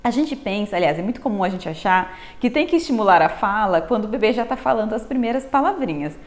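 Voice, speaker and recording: A woman's voice: mid-range voice, animated, fast. A Brazilian woman with a Brazilian Portuguese accent, explaining baby development to viewers in a friendly teaching manner and often calling them "gente". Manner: warm didactic, addresses viewers as "gente". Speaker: pediatric health educator. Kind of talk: explanatory talk to camera.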